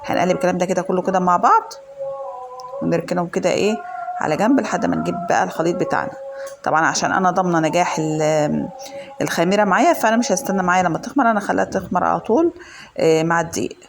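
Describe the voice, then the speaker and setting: A home cooking channel host with an Egyptian Arabic accent, slightly hoarse from a cold, walks viewers through a recipe in her kitchen. Her fairly low voice goes very fast, full of fillers as she addresses viewers directly, with background noise in the recording.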